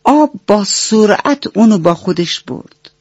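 A woman's voice: mid-range voice, lively intonation, darkish tone, no echo. A woman storyteller narrating a bedtime story for children on radio, tender and addressing them as her dear ones. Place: radio studio. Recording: dull dry radio studio recording.

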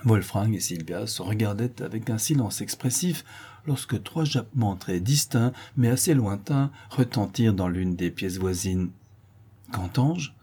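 A man reading a classic novel aloud as an audiobook narrator, steady and low-key. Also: moderate pace, husky.

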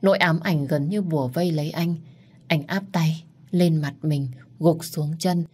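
A woman narrating an audiobook story in a soft, steady, emotive reading. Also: low voice, a little slow, slightly rough. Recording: faint music underneath.

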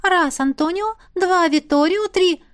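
A woman voicing a playful, bossy female spirit with a chirpy, excitable manner in a fantasy audiobook. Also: extremely high pitch, a little slow, pitched above the performer's own voice.

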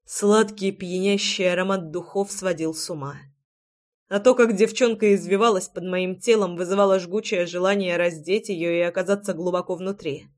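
An audiobook narrator reading a modern romance novel in the first person, in a steady storytelling manner. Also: medium pitch, moderate pace.

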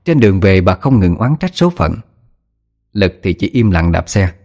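Man, horror story narrator, low voice, steady, faint music behind. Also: moderate pace. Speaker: audiobook narrator.

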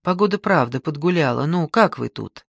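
An audiobook reader voicing a pushy, smooth-talking middle-aged man who wheedles his mother and niece, in a dry close recording. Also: medium pitch, lively intonation, normal speed, fairly bright tone, no room sound, exaggerated voice. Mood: breezy. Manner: breezy, wheedling, then pleading. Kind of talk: audiobook reading.

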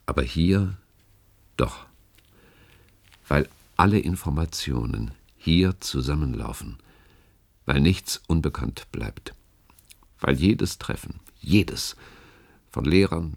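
In a German radio play, a male actor portrays a calculating, grave older department chief who speaks with deliberate, persuasive rhetoric. His gravelly, husky voice rumbles low and sounds exaggerated.

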